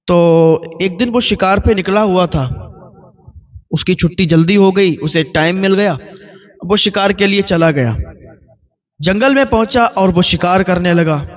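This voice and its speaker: A man preaching with a high-pitched voice, building his story through repeated, list-like phrases. The recording is dull and lo-fi, with muffled highs. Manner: repetitive, listing cadence. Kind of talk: storytelling sermon.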